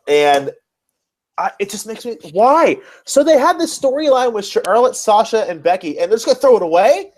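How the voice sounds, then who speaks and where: This podcast co-host has a high, sing-song voice with a darkish tone, speaking at normal speed. On a casual wrestling show, he comes across blunt and exasperated, swearing plenty.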